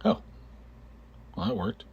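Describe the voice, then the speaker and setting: Guy doing slow casual game commentary, kinda halting, thinking out loud, coughing and clearing his throat. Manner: halting, hesitant, thinking aloud. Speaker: gamer narrating own gameplay video.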